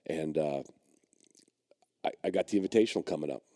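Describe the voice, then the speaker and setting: A middle-aged man with a low, mellow voice tells a long personal story on his podcast. He rambles, circling back with plenty of fillers and restarts. The sound is dry and close. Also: brisk, no echo. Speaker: podcast host and dog trainer.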